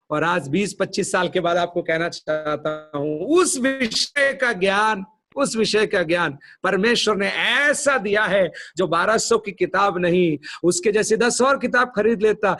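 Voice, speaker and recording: A middle-aged pastor from India preaching a sermon, telling a personal story and acting out the dialogue with lively shifts of voice. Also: male voice. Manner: animated storyteller, acts out dialogue with shifting pitch.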